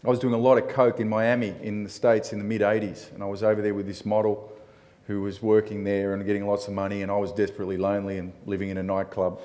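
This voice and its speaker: A man's voice: on the low side, monotone, quick pace, a little mellow. A man speaking in a group discussion, telling a personal story in a rambling, self-mocking way, laughing now and then. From Italy. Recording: long hall reverb.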